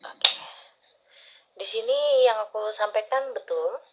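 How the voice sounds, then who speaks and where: A woman reading a caller's palm on a live stream, intimate and affectionate, often dropping to a whisper and then breaking into loud laughter. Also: a little high, slow pace, background noise. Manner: intimate, calls listener "sayang", swings between soft whispers and loud laughter. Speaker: palm reader.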